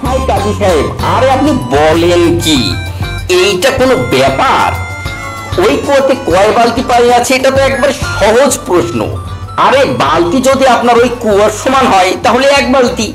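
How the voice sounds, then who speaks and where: A man playing a sly, witty village mullah in a cartoon, talking in an animated, folksy, teasing way. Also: very high-pitched, moderate pace, music in the background, low-quality recording. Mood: confident, witty. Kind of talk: cartoon character acting.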